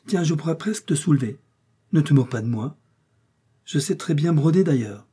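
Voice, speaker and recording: A man voicing a tender, playful seventeen-year-old wife who speaks softly. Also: medium pitch, slightly rough, close to an everyday voice. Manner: soft, coaxing and playful.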